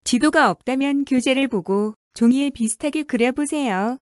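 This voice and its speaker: A woman teacher giving a clear, scripted coding lesson narration. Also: high-pitched, moderate pace, no room sound, studio quality. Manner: clear, even, instructive.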